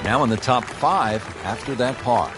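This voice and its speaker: A man's voice: medium pitch, moderate pace, music in the background, lightly acted. A man working as a golf commentator, calling play in a polished broadcast style. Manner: polished, asks his co-commentator questions. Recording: outdoor crowd ambience, clear background noise. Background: golf crowd and outdoor ambience.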